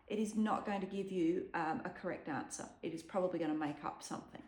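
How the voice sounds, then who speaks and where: A woman with a medium-pitched, somewhat dark voice casually walks through an app demo at home as a tutorial presenter, chatty and explanatory with lots of ums. A dog is around the room, and the recording sounds echoey.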